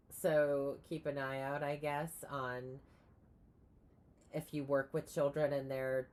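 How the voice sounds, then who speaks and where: A woman giving a casual tarot reading, rambling with many pauses and restarts. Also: rumbling low. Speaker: tarot reader.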